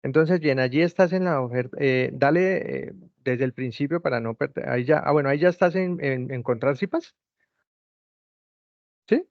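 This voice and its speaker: A man's voice: mid-range voice, moderate pace, creaky, no echo. A man tutoring an online class over a video call, patiently repeating step-by-step instructions. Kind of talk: guiding students through a video call. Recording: dull lo-fi call audio, dry.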